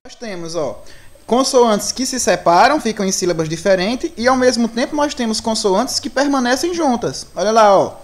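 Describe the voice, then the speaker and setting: In a recorded online lesson, a woman with a Brazilian accent teaches Portuguese grammar step by step, often checking in with her students. Her voice is a little high, with lively intonation and a moderate pace.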